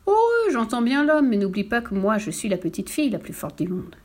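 A woman's voice: a little high, sing-song, fairly quick, darkish tone. A woman voicing a bold, cheeky and very strong little redheaded girl in a storybook reading, with a carefree, impertinent manner.

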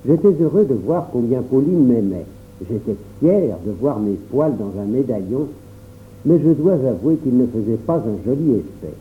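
A man tells the story in the first person at a calm, measured pace, with a mid-range voice. The sound is thin and phone-like, with a faint noise underneath. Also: mid-range voice. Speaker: narrator. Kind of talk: storybook narration. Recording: tinny phone-like audio with faint hum.

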